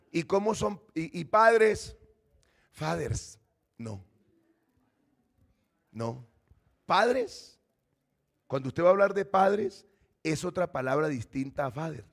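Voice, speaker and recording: A man pastor preaching a sermon, teaching and putting questions to his congregation. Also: fairly high pitch.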